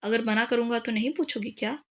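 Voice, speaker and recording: A woman's voice: fairly high pitch, brisk, close to an everyday voice. A woman reading the lines of a confident young husband who teases his wife in a romance novel.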